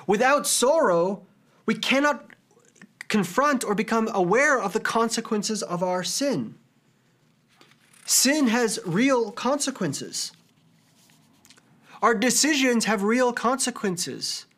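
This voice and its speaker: A man's voice: extremely high pitch, lively intonation, slow pace, pauses often, a bit bright. A pastor in his thirties preaching a sermon, earnest and conversational, telling stories with casual fillers.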